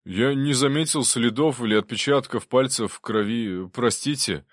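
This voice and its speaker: A man's voice: medium pitch, no room sound, studio quality, pitched above the performer's own voice, natural voice. A man voicing a cautious medical expert. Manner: measured, cautious answers. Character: sweating, careful male medical expert. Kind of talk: audiobook reading.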